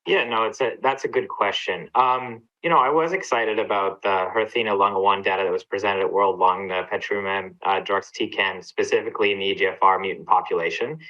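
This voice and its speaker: Deep-voiced man, hesitant panelist. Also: steady tone, fairly quick, few pauses, pushed and bright. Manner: hesitant, with many fillers. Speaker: expert panelist. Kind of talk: panel discussion. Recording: dull lo-fi audio.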